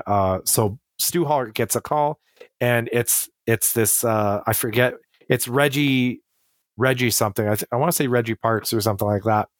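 Clean, dry studio sound captures a lowish-voiced middle-aged man rambling through casual stories, stumbling into fillers and restarting his sentences.

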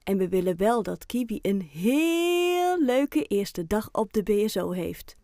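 A cheerful, kind after-school carer, as a woman narrator voices her in a children's audiobook. She speaks gently and warmly at an unhurried pace. The sound is dry and close. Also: mid-range voice, sing-song, dry recording. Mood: gentle. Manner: gentle and friendly.

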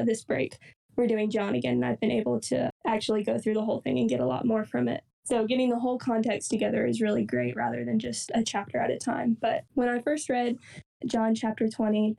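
A young woman, a campus ministry coordinator, giving an earnest, unhurried devotional reflection with soft fillers. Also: a little high, creaky, far from the mic, rough recording.

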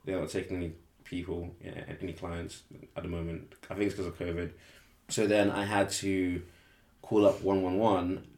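A man's voice: sits low, darkish tone, echoey room. A young man, chatting casually as a podcast co-host, rambling and correcting himself, laughing easily. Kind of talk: casual chat.

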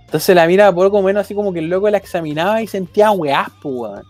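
A man's voice: high voice, fast talker, a little mellow, faint music behind. A young man with a Chilean accent telling a rambling, slang-filled anecdote in casual chat. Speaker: storyteller.

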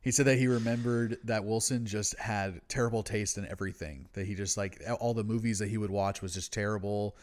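Low-pitched laid-back stoner guy, co-hosting. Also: fairly even intonation, a little fast, few pauses. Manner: laid-back stoner talk, slangy and sweary. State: habitually high on cannabis. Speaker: podcast co-host. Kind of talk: casual album discussion.

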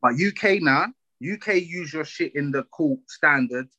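Forceful London man, slightly muffled recording. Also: on the high side, lively intonation, unhurried, no room sound. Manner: slangy, emphatic, checks listener follows. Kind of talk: casual opinionated discussion.

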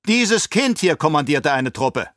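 A man voicing a cold, imperious emperor who speaks with sarcastic command and bursts into shouting. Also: fairly high pitch, very animated, unhurried, no echo, studio quality, pitched above the performer's own voice. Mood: mocking. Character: cold, imperious male emperor, quick to rage.

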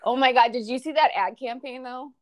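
High-pitched woman with a Minnesota accent. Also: a little fast. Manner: gushing, emphatic fangirl talk. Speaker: podcast co-host. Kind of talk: casual chat.

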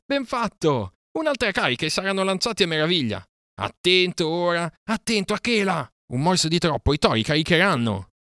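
A man's voice: on the low side, lively intonation, a little fast, dry recording, studio quality. A man voicing a bold boy raised by wolves, giving urgent orders in an audiobook reading. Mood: urgent excited. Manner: urgent shouted commands.

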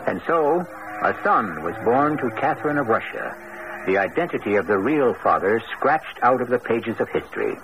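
A male host narrating a radio drama in a medium-pitched voice. His scripted delivery is dramatic and widely varied in intonation, with clear broadcast noise. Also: very animated, normal speed, highs cut off. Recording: noisy old radio broadcast.

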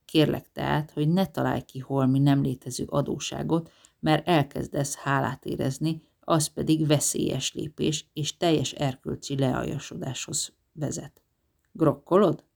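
A reader voicing a gruff, sardonic older man who lectures with dry sarcasm in an audiobook. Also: mid-range voice, fairly even intonation, a little mellow. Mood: lecturing.

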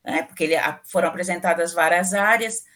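Her voice sits on the low side, a bit bright and slightly quick. She is a middle-aged civil engineering professor from southern Brazil, speaking Portuguese with that region's accent as a guest in an informal interview, where she chats freely, voices strong opinions and uses lots of fillers.

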